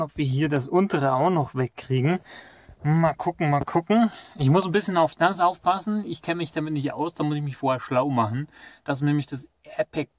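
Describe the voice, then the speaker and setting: A man's voice: medium pitch, dry recording. A young man thinking aloud with fillers as he takes apart a parked car's dashboard, recorded on a camera inside the car. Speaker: car hobbyist vlogger. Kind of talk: casual how-to commentary while working. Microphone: action camera mounted in the car.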